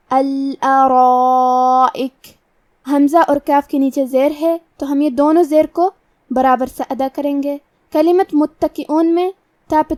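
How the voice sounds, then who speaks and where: A woman with a Pakistani Urdu accent teaching tajweed, explaining each pronunciation rule step by step before reciting slowly. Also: high voice, a little mellow, no room sound, distant mic. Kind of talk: tajweed lesson with slow recitation.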